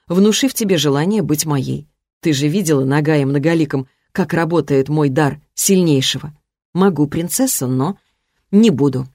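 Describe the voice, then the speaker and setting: A woman voicing a calm, teasing young male mage in a soft, unhurried, lower voice. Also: dry recording, clean studio sound.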